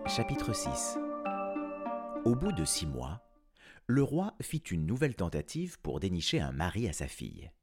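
Man, storyteller, low voice, very lively pitch, children's story narration. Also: a little slow, over loud music. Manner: expressive, animated.

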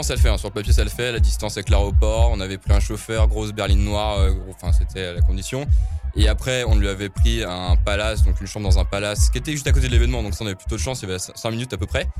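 A man with a fairly low voice tells an event organizer's story in a loose, slangy, conversational way. He pauses often to find his words, and faint music plays in the background. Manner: slangy, conversational, frequent hesitations. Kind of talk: casual storytelling.

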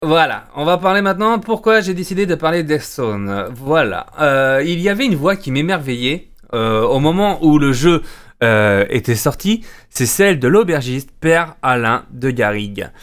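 A man's voice: a little high, lively intonation, normal speed, a bit bright, clear, resonant tone. A man hosting a casual gaming talk show, hesitant and full of fillers. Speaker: host.

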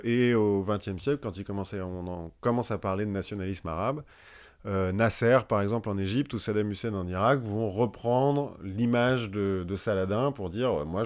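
With a lowish, clear, resonant voice, this man co-hosts a laid-back history podcast. He's chatty and prone to joking asides, frequently starting sentences over with fillers.

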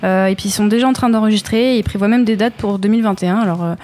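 Female music radio co-host, medium pitch, casual, halting, word-searching delivery. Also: fairly even intonation, darkish tone.

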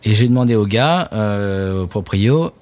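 A man's voice: fairly low pitch, lively intonation, measured pace, a little mellow. A man hosting a casual podcast chat, telling stories with lots of restarts and fillers. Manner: chatty storyteller with many restarts. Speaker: podcast host. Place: United States.

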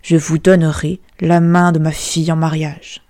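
A stern old king of a storybook, speaking low and firm, with a woman reading his part. The voice is mellow and dry, close to the mic. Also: flat delivery, moderate pace, dry recording, close to an everyday voice. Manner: lowered, firm.

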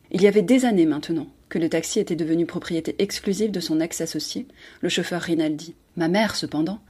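Husky-voiced woman reading a novel aloud. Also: fairly low pitch. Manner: measured, expressive literary reading. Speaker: host and reader. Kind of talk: audiobook narration.

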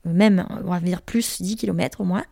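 A woman's voice: on the low side, moderate pace, vocal fry, warm tone, no room sound, studio quality. A young woman from Corsica frankly telling a personal story in casual talk, crude and emphatic, acting out what people said. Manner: frank, crude, emphatic retelling with acted quotes.

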